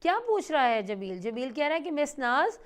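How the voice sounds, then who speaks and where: A woman's voice: sits high, sing-song, normal speed. A woman teaching an online English lesson, spelling words letter by letter, repeating them and asking her students questions. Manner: reads example sentences aloud and asks students questions.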